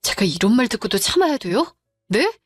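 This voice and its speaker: A grieving young daughter, tearful yet firm and confrontational, as a woman puts her on. Her voice is slightly high, recorded close and dry, with soft music in the background. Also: very animated, fairly quick, breathy edge, no echo. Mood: upset. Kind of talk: storytelling drama voice acting.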